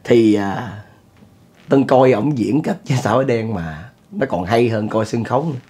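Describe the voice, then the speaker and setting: A man's voice: medium pitch, normal speed, dark tone, breathy edge. A middle-aged man with a Southern Vietnamese accent, hosting and telling a spoken ghost story in a chatty way, talking to his listeners. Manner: chatty, addresses listeners, chuckles often. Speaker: storyteller host.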